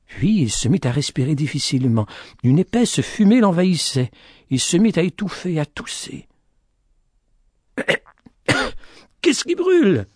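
A man reading a dramatic story aloud with expressive narration. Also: fairly high pitch, normal speed, slightly rough, dry recording, studio quality.

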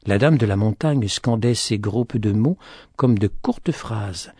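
A man reading a dramatic story aloud with expressive narration. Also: on the low side, takes it slowly, dry recording, clean studio sound.

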